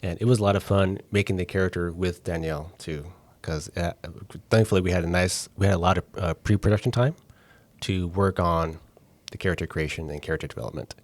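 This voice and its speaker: A man, a film director, talking casually and excitedly on a podcast with many restarts. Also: deep voice, a little fast, no room sound. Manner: enthusiastic, rambling with restarts.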